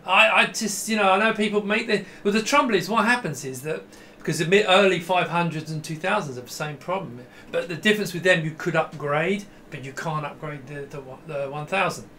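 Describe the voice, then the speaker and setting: The speaker is a middle-aged man showing off a vintage computer hands-on to camera, casual and enthusiastic, rambling and often stopping mid-sentence. He talks briskly with hardly any pauses in a slightly high, pushed, bright voice. The small indoor home room holds computer gear, and a little hiss or hum is audible.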